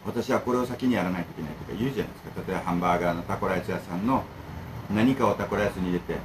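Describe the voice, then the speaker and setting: A man's voice: low voice, very fast, background noise. A man who runs a bento shop, talking casually and rambling to camera, jumping between complaints and advice. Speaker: bento shop owner and channel host.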